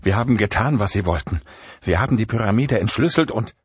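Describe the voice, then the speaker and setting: Pleading woman captive, put on by a male narrator, high and tearful, lively swings in an audiobook. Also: brisk, breathy edge, dry recording.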